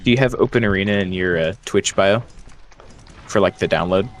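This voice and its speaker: A man's voice: sits low, fairly quick. A man chatting casually with friends over voice chat during a game, often trailing off and restarting. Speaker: gamer on voice chat.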